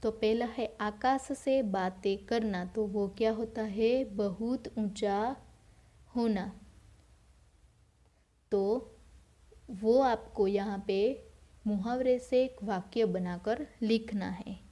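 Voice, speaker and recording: A woman's voice: mid-range voice, slow, pauses often, warm tone. A woman teacher giving a recorded lesson to young children, patiently repeating words and asking questions that she then answers herself. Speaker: school teacher.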